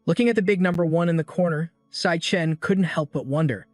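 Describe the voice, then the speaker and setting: A man narrating a scripted story recap in a steady storytelling read. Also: a little high, fairly quick, no room sound, clean studio sound, soft background music.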